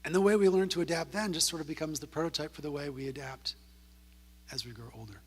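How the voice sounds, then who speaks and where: A man's voice: a little high, quick pace, a little hiss or hum. A man giving a conversational talk as a counselor, telling a story and tagging his points with "right?". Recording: long reverb of a church hall.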